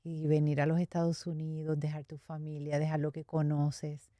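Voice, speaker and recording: A middle-aged Puerto Rican woman speaks with a low, mellow voice and a Puerto Rican accent. She recounts her past candidly and reflectively, with a light laugh now and then. The sound is dry and close. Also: completely flat delivery, normal speed, dry recording. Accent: Puerto Rican Spanish. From Puerto Rico. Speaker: interview guest. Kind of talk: personal testimony in conversation.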